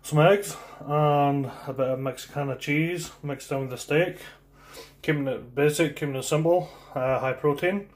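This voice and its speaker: A man's voice: fairly high pitch, normal speed. A young man talks casually to camera in a home fitness vlog, easygoing and plain-spoken, with frequent fillers. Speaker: fitness vlogger. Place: home, garage gym and living room.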